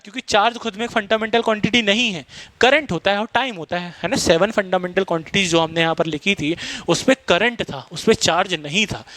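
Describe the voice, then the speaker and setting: Man, physics teacher, fast-talking, quizzing questions, high-pitched voice. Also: a bit bright, dry recording. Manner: fast-talking, quizzes students, mixes Hindi and English terms. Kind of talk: classroom lecture.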